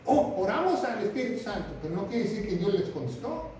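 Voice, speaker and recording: High-pitched preacher in an echoey hall. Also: male voice, brisk, a little hiss or hum. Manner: animated, acts out quotes, asks the audience for agreement. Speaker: pastor. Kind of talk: sermon. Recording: echoey room, mic at a distance.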